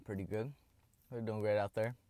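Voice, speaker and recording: A teenage boy rambling offhand through a casual snack review in his parked car, often dropping into low, soft asides. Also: steady tone, normal speed.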